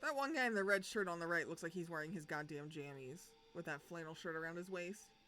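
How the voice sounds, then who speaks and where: A woman's voice: lowish voice, brisk, pushed and bright, slight background noise. A young woman streamer reading a game aloud, breaking off with laughter, swearing and joking asides.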